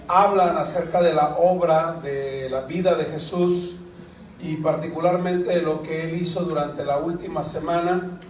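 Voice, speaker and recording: High-pitched guy preaching a sermon, kinda distant mic, echoey church, faint room noise. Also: darkish tone. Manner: preaching with call-and-response questions to the congregation. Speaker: pastor. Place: church sanctuary.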